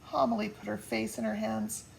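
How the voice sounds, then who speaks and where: An older woman reading a children's book aloud in gentle, unhurried storybook narration. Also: fairly high pitch, level tone, gravelly, slight background noise, low-quality recording.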